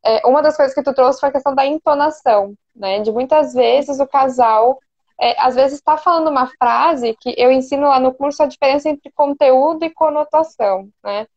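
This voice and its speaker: A woman's voice: high-pitched, normal speed, a little mellow, muffled recording. A woman psychologist as a guest in an interview, chatting and explaining with everyday examples. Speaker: psychologist and couples therapist, guest. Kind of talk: conversational interview.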